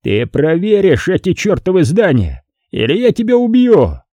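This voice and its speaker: A man's voice: mid-range voice, big pitch swings, measured pace, mellow, no echo, voice pushed up. A man voicing a panicked, short-tempered male gang boss who snaps out orders. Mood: harsh. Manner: barking, snapping orders.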